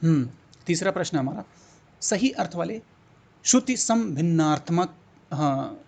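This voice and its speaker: A man's voice: on the high side, animated, measured pace, gravelly, darkish tone. A man teaching a Hindi exam-prep lesson, repeating words and coaxing students to think and answer. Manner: repetitive, coaxing questions to students.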